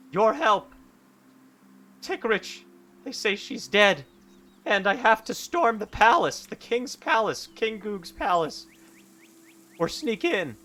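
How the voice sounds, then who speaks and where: A man's voice: high-pitched, pushed and bright, pitched above the performer's own voice, full character voice. A man voicing an earnest, lovelorn young adventurer who pleads desperately in a tabletop game. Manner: pleading, emphatic. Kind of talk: tabletop role-play character voice.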